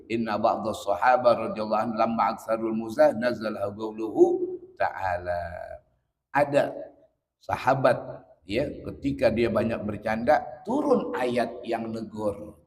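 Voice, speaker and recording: A man's voice: on the low side, lively intonation, unhurried. Man, religious teacher, Arabic recitation then playful explanation, long hall reverb. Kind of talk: kitab study lesson.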